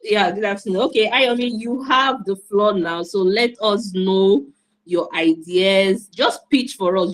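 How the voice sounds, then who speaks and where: A woman's voice: on the low side, low-quality recording. A woman from Nigeria, hosting an online event in an enthusiastic, repetitive, encouraging way over a video call. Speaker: host and moderator.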